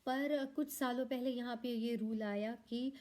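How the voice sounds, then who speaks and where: A woman talks through a language lesson at an unhurried pace. Her voice sits a little high but sounds mellow and soft, and she pauses often on fillers and restarts as she explains a table. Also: fairly even intonation. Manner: slow and explanatory, with many fillers and restarts, mixing in English words. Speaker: language teacher.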